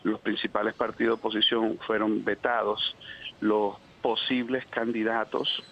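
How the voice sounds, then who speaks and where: A Venezuelan man with a Venezuelan Spanish accent speaks over a dull, lo-fi phone line with faint noise behind him. His voice sits low and gravelly, and he argues his point earnestly, pausing often with hesitations. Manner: earnest, argumentative, many hesitations. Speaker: phone guest, Venezuelan community representative. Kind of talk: phone interview answer. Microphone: telephone line.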